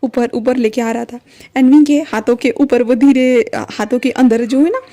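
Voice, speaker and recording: A woman's voice: fairly high pitch, steady tone, moderate pace, dark tone. Woman casually narrating fan fiction. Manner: chatty, heavy with fillers and English words. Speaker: storyteller.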